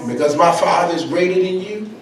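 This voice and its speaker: High-voiced preacher shouting in an echoey church. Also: male voice, a little fast, crowd noise. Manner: preaching with call-and-response, swinging from shouts to quiet. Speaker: pastor. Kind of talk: sermon. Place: church sanctuary. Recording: echoey church hall from far off. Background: congregation responding aloud.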